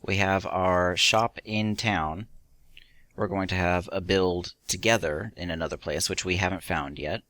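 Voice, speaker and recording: A man's voice: sits low, fairly even intonation, unhurried, fairly bright tone, no echo. A man chatting as co-host of a game let's play, making dry, teasing remarks. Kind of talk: casual gameplay commentary.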